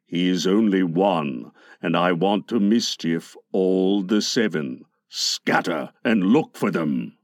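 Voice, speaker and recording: A man voicing a menacing, brooding pirate captain in a storybook reading, slow, dark and dramatic. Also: low voice, animated, no echo, studio quality, pitched below the performer's own voice, full character voice. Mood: dark, curt.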